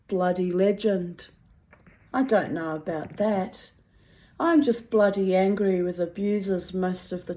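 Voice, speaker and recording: A middle-aged woman with a strong New Zealand accent reads her own personal writing aloud in a wry, deliberate, dramatic way. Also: medium pitch, darkish tone. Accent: strong New Zealand (Kiwi). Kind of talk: expressive reading of personal confessional prose.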